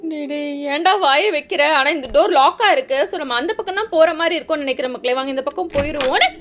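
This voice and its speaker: A woman hosting a gaming channel, giving excitable, jittery commentary on a horror game and talking straight to her viewers. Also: sits high, fast.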